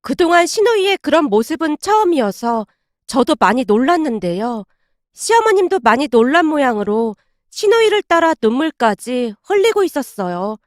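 Casting: woman storyteller, very high and lively voice, dry close recording. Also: moderate pace, dry recording. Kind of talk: scripted first-person story narration.

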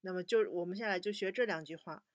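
A young woman teaching a children's language lesson, patiently slowing down to model each word for repetition. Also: fairly low pitch, no room sound, clean studio sound.

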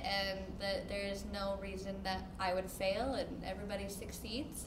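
A young woman, a paraeducator studying to teach, giving upbeat interview answers in a classroom. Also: mid-range voice. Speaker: paraeducator and student. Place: classroom, indoors. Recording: echoey classroom with audible noise.

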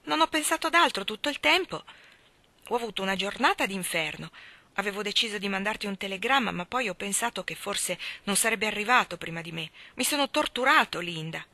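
A woman's voice: lowish voice, lively intonation, brisk, bright, forceful tone, no echo, full character voice. A woman voicing an anxious, remorseful husband who pleads and exclaims, in a storybook reading. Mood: agitated.

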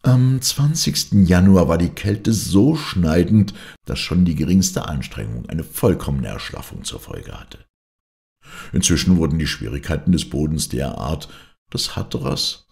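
A man reading a classic adventure novel aloud as an audiobook narrator, in a steady, measured way. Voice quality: very deep, gravelly voice. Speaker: audiobook reader.

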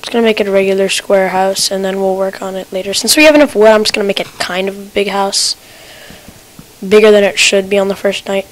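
A woman's voice: medium pitch, level tone, fast, poor audio. A woman giving casual gameplay commentary at her computer, rambling and talking to herself with stutters and restarts. Her keyboard clicks are picked up by the desk mic. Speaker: gamer. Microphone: desk computer mic picking up keyboard clicks.

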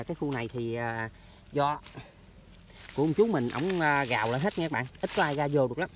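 Slight background noise sits under this mid-range male voice. Walking by rural orchards and canal banks for an outdoor vlog, the hunting vlogger chats casually in a Mekong Delta Vietnamese accent, addressing his viewers like friends.

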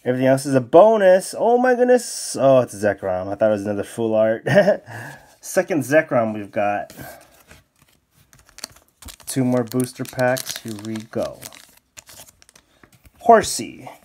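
A man casually commenting as he opens card packs off camera, bursting into high excited exclamations. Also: unhurried, pauses often. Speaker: card-opening YouTuber. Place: indoors at a desk, off camera.

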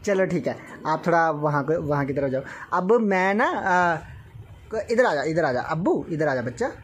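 Noisy home audio captures a young man vlogging casually indoors at the family home. He has a slightly high voice, lively intonation, and a moderate pace, and he talks playfully with a small child, coaxing them.

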